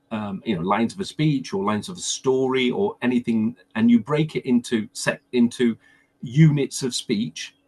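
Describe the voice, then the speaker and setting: A man with a slightly husky voice explains pronunciation in a relaxed workshop style. He circles back, repeats words and restarts sentences as he works his ideas out. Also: mid-range voice. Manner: hesitant, repeats words while thinking. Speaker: pronunciation coach.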